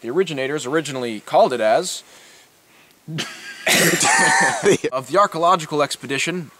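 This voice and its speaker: A man's voice: on the high side, huge pitch swings, normal speed, heavy background noise. A young man improvising a mock documentary as a self-styled expert outdoors, rambling and often breaking into laughter. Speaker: comic co-host posing as an expert. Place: outdoors on a wooded hill.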